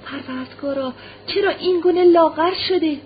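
A woman's voice: very high voice, lo-fi sound, slight background noise, pitched above the performer's own voice. A woman reading an audiobook, voicing a desperate, loving noble mother who pleads and chokes with tears. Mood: tearful.

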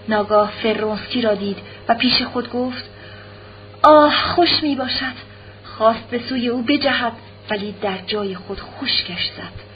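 Woman audiobook narrator, measured dramatic reading, fairly high voice, dull old tape recording. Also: slight background noise.

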